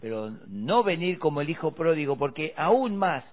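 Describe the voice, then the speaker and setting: A man's voice: a little high, very animated, moderate pace. A man on a faith radio show, quoting scripture firmly and correcting his co-host. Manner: quotes scripture, firm and corrective. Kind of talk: casual devotional radio chat. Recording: tinny phone-like radio audio.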